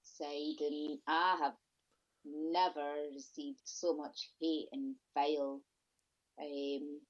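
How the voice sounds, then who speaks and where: A woman's voice: deep voice, little pitch movement, slow. A woman guest in a podcast interview, talking emphatically and often repeating and restarting her phrases. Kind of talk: conversational interview. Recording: lo-fi dull audio.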